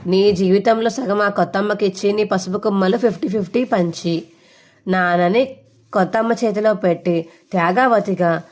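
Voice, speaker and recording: A woman's voice: mid-range voice, fairly even intonation, normal speed, natural voice. A woman voicing a grown son who teases his mother in a mock-serious, dramatic way.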